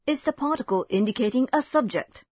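A woman with a slightly high, breathy voice reads a scripted language lesson. Her explanations are clear and measured. The recording is dry and close. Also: lively intonation, darkish tone, dry recording.

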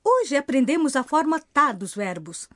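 A woman's voice: sits high, very animated, normal speed, fairly bright tone, dry recording, clean studio sound. A woman presenting in a scripted lesson, asking questions with curiosity.

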